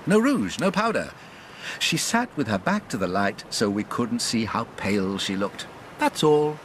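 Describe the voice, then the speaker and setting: An actor playing an earnest, plain-spoken doctor and loyal companion in a British radio drama, with an English accent. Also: male voice, on the low side, sing-song, measured pace, fairly bright tone, slight background noise. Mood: firm, earnest. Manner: earnest, mildly indignant.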